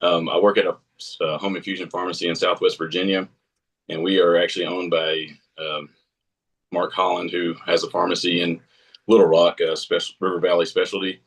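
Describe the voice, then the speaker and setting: A man from Tennessee introducing himself as a pharmacist on a video call, steady and with fillers. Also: low-pitched, a little fast, breathy edge. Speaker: pharmacist applicant.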